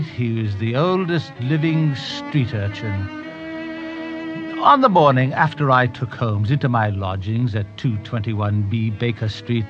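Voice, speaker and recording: An actor playing a pompous, long-winded Victorian doctor and narrator in a comic audio theater parody, speaking in wordy, stuffily formal phrases. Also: male voice, mid-range voice, dull audio, natural voice.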